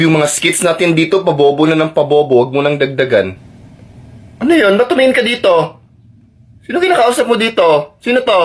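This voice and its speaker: A man acting in a comedy skit, bickering and exasperated. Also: sits high.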